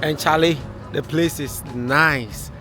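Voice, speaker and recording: Male travel vlogger, Ghanaian accent, informal chat to camera with clear background music. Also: fairly high pitch, fairly even intonation, takes it slowly, sharp tone. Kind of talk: casual vlog chat to viewers.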